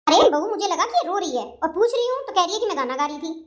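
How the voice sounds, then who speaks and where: A woman's voice: very high-pitched, big pitch swings, fast, fairly bright tone, full character voice. Woman doing a nagging old mother-in-law. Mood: suspicious. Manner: scolding, threatening, suspicious. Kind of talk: Hindi cartoon voice acting.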